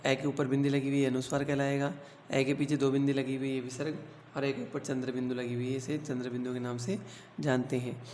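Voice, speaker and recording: Schoolteacher, male, mid pitch, patient and methodical. Poses questions and answers them himself. Roomy sound. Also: a little mellow. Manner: explains slowly, asks the class questions and answers them himself. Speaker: teacher. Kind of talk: grammar lesson for schoolchildren. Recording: echoey room with faint hum.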